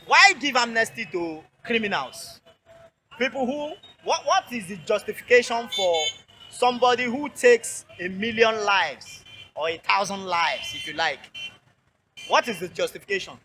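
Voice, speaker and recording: A man's voice: high-pitched, expressive, normal speed, pushed and bright, slight background noise. A Nigerian man giving an impassioned roadside interview outdoors, driving his points home and repeating key phrases. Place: outdoors by a road.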